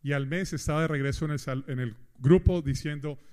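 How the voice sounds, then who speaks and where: A man from Colombia preaching a sermon with animated delivery, talking directly to the congregation. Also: on the high side, brisk.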